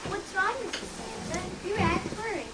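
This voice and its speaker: A child playing a shocked, innocent elf helper in an amateur Christmas stage play, speaking slowly, recorded on noisy tape. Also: extremely high pitch, sing-song, far from the mic.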